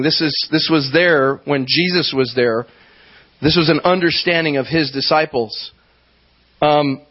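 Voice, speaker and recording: Man preaching a sermon, somewhat high voice. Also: highs cut off. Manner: conversational, asks the congregation questions.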